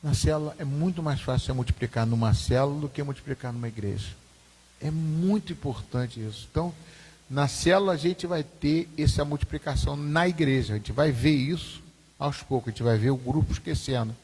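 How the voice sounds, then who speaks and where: A man with a mid-range, darkish, husky voice talks a little fast as he teaches Sunday school, informal and repetitive, asking the class questions throughout. The reverberant church hall colors the recording.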